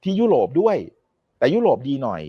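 Husky guy explaining money stuff, real lively up-and-down voice, keeps going "right?". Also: sits high, brisk, no room sound, muffled recording. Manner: emphatic, keeps asking "right?" to the listener; confident, makes firm predictions. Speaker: economic commentator. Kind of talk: casual explanatory talk.

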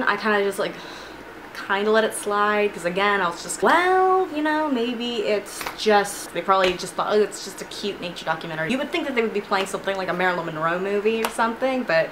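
A young woman, a student, telling a casual storytime vlog in a chatty, animated way with frequent laughs, filmed at home on a camera in her room. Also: mid-range voice, normal speed. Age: young adult. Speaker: vlogger. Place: bedroom with shelves of figurines, indoors. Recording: noisy home recording.

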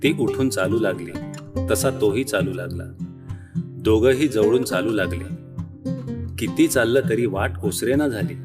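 A male storyteller with a lowish voice reads in a steady, measured way, set a little back from the mic. A faint guitar plays softly behind him. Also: far from the mic. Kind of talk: audiobook story narration.

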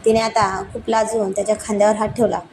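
A woman's voice: mid-range voice, flat delivery, quick pace, a little mellow, a little hiss or hum, poor audio. Woman narrating a romance story.

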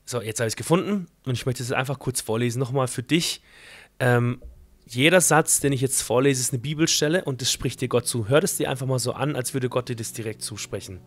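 A man co-hosting a casual faith podcast, talking in a relaxed way and responding to his co-host. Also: mid-range voice, fairly quick. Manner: relaxed, responsive, reads a prayer text calmly.

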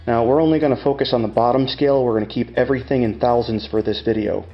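A man's voice: mid-range voice, steady tone, quick pace, dull audio. A middle-aged man explaining step by step like a plain-spoken machinist, in a casual hands-on tutorial. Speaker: tutorial host demonstrating measuring tools.

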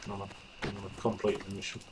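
A man streaming his first time in a game, chatting casually and often muttering quietly to himself. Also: fairly low pitch, monotone, very fast, slight background noise. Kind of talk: casual chat while gaming.

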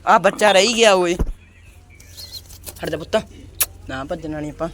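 A Punjabi man with a fairly high voice talks in a casual vlog style. He addresses viewers as friends and calls out to companions in colloquial speech. The handheld recording has faint noise and clicking. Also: moderate pace, fairly bright tone. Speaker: pigeon-keeping vlogger.

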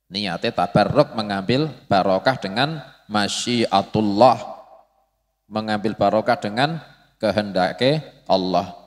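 A man giving a religious study lecture, explaining slowly and acting out prayers in a raised, pleading voice. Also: fairly low pitch. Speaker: religious teacher. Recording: long hall reverb.

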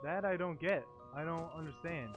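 A man's voice: a little high, moderate pace, highs cut off. A man giving casual commentary as he plays a horror game, muttering to himself a bit uneasily. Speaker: streamer playing a horror game. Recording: game music behind the voice. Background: mallet-like game music.

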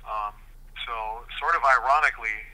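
Man on a prison payphone line, very bright. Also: mid-range voice, poor audio. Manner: measured, deliberate, many fillers. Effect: prison payphone call line. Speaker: incarcerated man interviewed by phone. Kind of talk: earnest interview answers.

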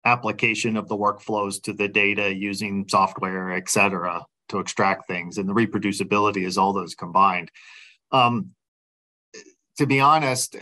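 A middle-aged man answering a panel question over a video call, frank and halting with repeated words. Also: lowish voice, bright, forceful tone. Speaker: agency official panelist.

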